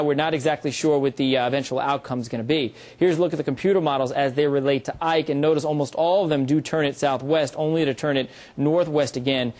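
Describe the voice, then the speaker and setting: A man with an American accent delivering a broadcast weather forecast, explaining key points in an informative way with measured emphasis. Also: fairly high pitch, a little mellow.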